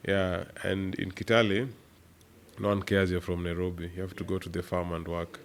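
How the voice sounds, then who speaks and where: A low-voiced man from Kenya, a startup executive appearing as a podcast guest, tells farm-childhood anecdotes at a moderate pace. He's a relaxed, animated storyteller who laughs through the tales.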